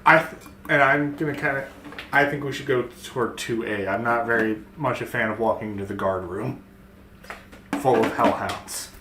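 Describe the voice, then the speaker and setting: A man's voice: mid-range voice, moderate pace, reverberant, noisy background. A man speaking as a player in a tabletop game, working through plans aloud and hesitating. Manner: hesitant, planning out loud. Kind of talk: casual tabletop chat.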